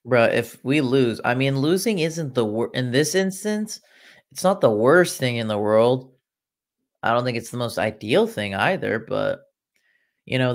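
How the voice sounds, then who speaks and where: Young guy from iran doing a football watchalong stream on his laptop, chatty, answers chat with sarcasm. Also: mid-range voice. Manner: chatty, reacting to chat comments, sarcastic asides. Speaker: livestream host. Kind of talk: casual football watchalong commentary.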